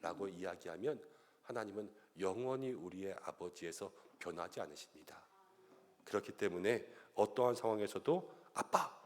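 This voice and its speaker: A middle-aged man preaching a sermon as pastor, animated and acting out little voices and quotes as he goes. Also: lowish voice. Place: church sanctuary. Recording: long church-hall reverb.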